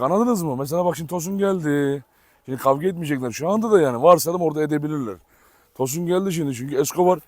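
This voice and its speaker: A man with a high-pitched voice gives a casual, chatty walkthrough of his dog kennels outdoors. He talks straight to his viewers as he moves from pen to pen. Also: a little mellow, dry recording. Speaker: dog breeder vlogger.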